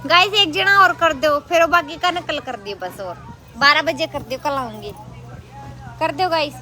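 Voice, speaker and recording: A woman chatting on a live stream in a very high, light voice. She greets and thanks viewers one after another and coos to a small child. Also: normal speed.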